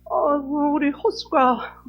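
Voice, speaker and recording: A man mimicking an elderly mother calling fondly to her children, in a high, warbling old-woman voice. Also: steady tone, slow pace, vocal fry, highs cut off, full character voice. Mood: doting.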